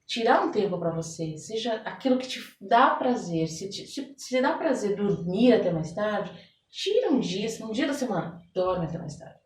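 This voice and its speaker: In a conversational podcast interview, a Brazilian therapist and oracle card reader explains her points and brings them to life with acted-out quotes. Her mid-range voice is very animated at a moderate pace, and the recording has roomy echo from a distant mic.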